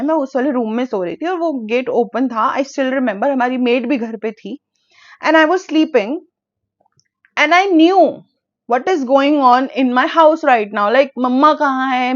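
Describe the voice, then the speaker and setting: A young woman vlogger with a high, bright-sounding voice tells a personal story in a casual, loose and animated way, slipping between Hindi and English with plenty of fillers and restarts. The audio is a bit dull and lo-fi.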